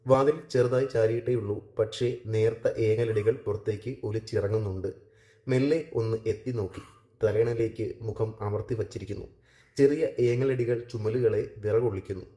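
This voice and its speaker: A man reading a romantic short story aloud in a steady, measured narration, recorded in an echoey room. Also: fairly low pitch.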